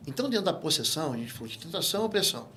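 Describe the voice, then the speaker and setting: A man with a Brazilian Portuguese accent, a guest pastor teaching in an interview and telling stories with lively acted-out dialogue. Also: on the high side, racing, slight background noise. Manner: animated storyteller who acts out quoted dialogue. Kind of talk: interview, teaching on spiritual matters.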